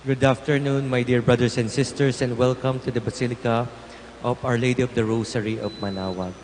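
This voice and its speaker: A man, a priest, leading Mass prayers in a solemn, measured way inside a large basilica, his voice ringing with cathedral echo. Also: mid-range voice, steady tone, darkish tone. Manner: solemn, measured liturgical recitation. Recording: long church reverb, faint background noise.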